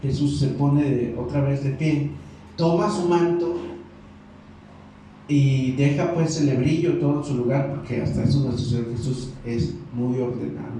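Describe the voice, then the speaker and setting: A man with a Mexican Spanish accent preaching a sermon as pastor, telling the story in a lively way and acting out the characters' lines. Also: mid-range voice, normal speed, a little hiss or hum. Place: church hall. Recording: echoey hall, mic far off.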